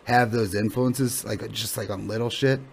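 A man's voice: lowish voice, steady tone, moderate pace, gravelly, slight background noise. A male comedian being interviewed in a casual podcast chat, thinking aloud in rambling, sweary sentences. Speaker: stand-up comedian guest.

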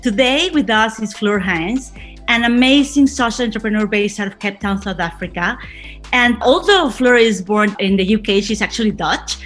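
A woman's voice: medium pitch, animated, normal speed, fairly bright tone, faint music behind. Upbeat woman hosting a podcast. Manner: enthusiastic, scripted-sounding introductions. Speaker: podcast host.

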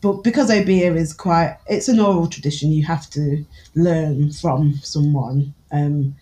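A woman's voice: sits low, measured pace, warm tone, poor audio. Frank Newark-accented woman, laughing. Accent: Newark, English East Midlands. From England. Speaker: podcast guest, author and Obeah practitioner. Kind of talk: casual conversational interview.

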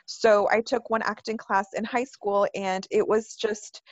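A woman's voice: mid-range voice, flat delivery, a little slow, no echo. Chatty woman in her twenties, dull dry sound. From California. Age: 20s. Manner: chatty and earnest, long flowing answers. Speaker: guest actress. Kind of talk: casual interview answers.

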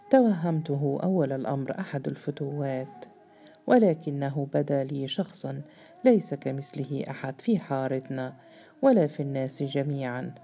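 A grown man tells of a strange meeting in the dark, earnest and measured, read by a woman. The voice sits low and sounds deeply mellow and warm. It is told in a storybook reading. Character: grown man recounting a strange night encounter.

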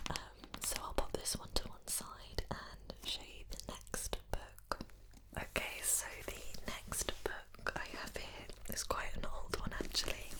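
A woman in a whispered role-play as a gentle, helpful librarian, speaking in a soft, unhurried library whisper. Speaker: librarian recommending books to a visitor.

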